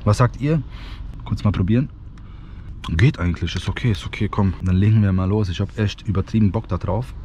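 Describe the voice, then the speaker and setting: A young man vlogging casually from inside a car, excitable and slangy, given to exclamations. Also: a little fast, highs cut off. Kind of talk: casual challenge vlog, youth slang. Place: inside a small car, often driving. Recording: noisy car interior, road rumble.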